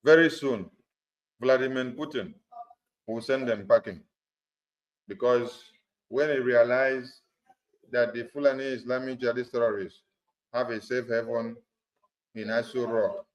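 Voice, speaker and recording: A man addresses a group over a conference call. His voice has an ordinary middle pitch and comes through a dull, muffled call line. He talks emphatically and drives his points home by repeating them. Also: fairly even intonation, measured pace, pauses often. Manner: emphatic and repetitive, hammering points. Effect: conference call audio. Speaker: activist speaker addressing supporters. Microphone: phone or computer on a group call.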